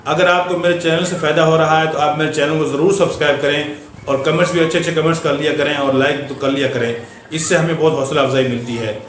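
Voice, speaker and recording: A man's voice: a little high, fairly even intonation, fast talker. A man teaching Quran recitation in a patient manner, explaining the rules and drawling syllables in a chanting voice. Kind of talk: explaining tajweed with chanted spelling. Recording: echoey room with faint hum.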